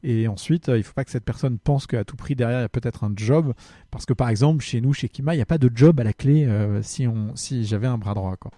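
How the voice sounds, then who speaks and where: A man hosts a casual solo podcast and answers listener questions, pausing often to search for words. His voice is very dark and mellow. The recording is close and dry. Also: mid-range voice, dry recording. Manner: hesitant, full of fillers, friendly.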